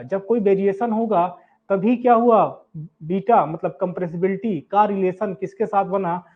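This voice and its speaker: A male tutor with a high voice gives a classroom lecture on an engineering topic. He keeps putting questions to the class and answering them himself, repeating each term. The sound is thin and phone-like.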